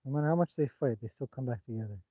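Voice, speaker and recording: Talking very fast in a warm, medium-pitched voice, this man hosts a casual outdoor livestream recorded on a cell phone. He stands by a horse paddock on a bright day, chatting loosely about his horses and answering viewers' comments, with no echo in the sound.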